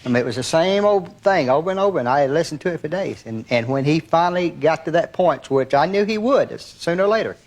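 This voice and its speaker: A man's voice: fairly high pitch, animated, fast talker, few pauses, darkish tone. An older man with a Southern American accent, reminiscing in an interview with rambling, repetitive storytelling. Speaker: interviewee, longtime confidant.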